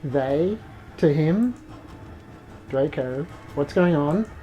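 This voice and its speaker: A man's voice: a little high, lively intonation, very slow, dark tone, soft background music. A man reading the lines of the investigator hero of a video game in his own voice.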